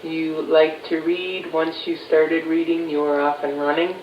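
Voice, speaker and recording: A woman in her fifties from Chicago, recalling her childhood in a relaxed family interview with pauses. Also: sits low. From Chicago, USA. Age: 50s. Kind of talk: casual recorded family interview. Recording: roomy, distant, dull, faint hiss.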